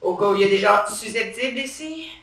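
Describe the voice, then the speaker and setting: A woman's voice: on the high side, animated, fast, fairly bright tone. A woman acting a swaggering, bossy female police officer in a satirical comedy monologue on stage. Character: brash trigger-happy female police officer, touchy and power-proud. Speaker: stand-up character performer. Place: theatre stage. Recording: roomy stage sound from far off.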